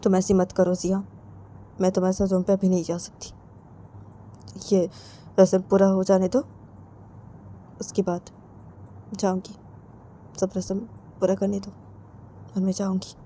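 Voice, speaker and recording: A woman voicing a young bride who pleads softly, at times almost whispering. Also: medium pitch, completely flat delivery, a little slow, long pauses, slight background noise, natural voice. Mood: pleading.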